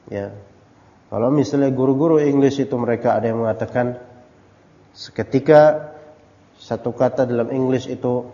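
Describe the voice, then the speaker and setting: A man teaches a religious study class in a mellow, relaxed voice, casually wandering off topic and putting questions to the listeners. He peppers his talk with Arabic terms and English words. The lo-fi recording rings with the long reverb of a large hall. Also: mid-range voice. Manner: casual and digressive, asks the audience questions. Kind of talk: religious study lecture to a live audience. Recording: echoey hall, dull lo-fi audio.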